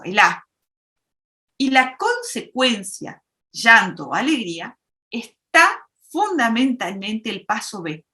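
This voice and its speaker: A woman's voice: on the high side, sharp tone. A woman psychologist giving an explanatory public talk, teaching through worked examples. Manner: didactic, uses worked examples. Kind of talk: explanatory lecture.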